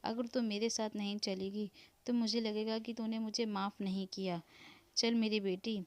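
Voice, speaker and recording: A woman reading as a weeping older mother, sorry for past wrongs, who pleads softly for forgiveness in a spoken story. The voice is smooth and clear, with a dry, close sound and no room echo. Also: medium pitch, little pitch movement, normal speed, natural voice. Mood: tearful remorse. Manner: tearful, apologetic pleading.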